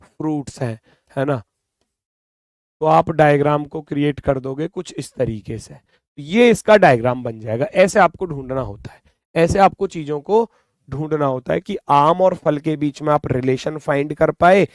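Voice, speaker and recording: A man with a Hindi accent teaches a reasoning class for exam aspirants, talking straight to his students. His voice sits a little high, and he repeats each point in a coaxing, chatty way. The sound is close and dry, with no room around it. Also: measured pace, no room sound. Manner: repetitive, coaxing, addresses students as bhai and beta. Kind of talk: exam-prep class lecture.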